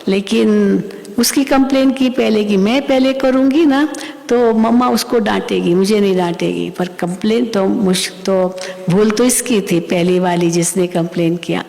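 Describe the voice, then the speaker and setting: A woman's voice: medium pitch, measured pace, creaky, mellow. A woman spiritual teacher giving a sermon class, telling stories and acting out the voices she quotes, often asking her listeners questions. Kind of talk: murli class sermon with anecdotes. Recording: long hall reverb.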